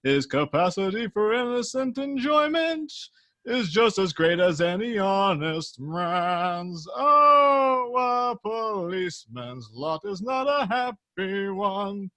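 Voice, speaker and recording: A gleeful comic-book villain, acted out by a man at a table read. His high, sharp voice swoops wildly up and down, playful and singsong, with menace under the jokes. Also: very animated, takes it slowly, heavily acted. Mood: jaunty singing. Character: gleeful, menacing male Joker disguised as comic policeman.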